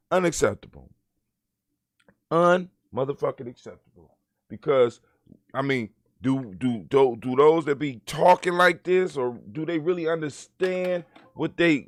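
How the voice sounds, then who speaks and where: A man's voice: a little high, no room sound, studio quality. A man hosting a casual talk show, reacting to news with profane rants and reading articles aloud. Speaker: podcast host.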